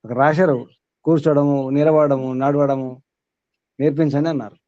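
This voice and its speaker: A man's voice: a little high, flat delivery, normal speed, warm tone, dry recording, dull audio. A man acting as spiritual teacher, giving a sermon to a small group, questioning his listeners and reeling off long lists.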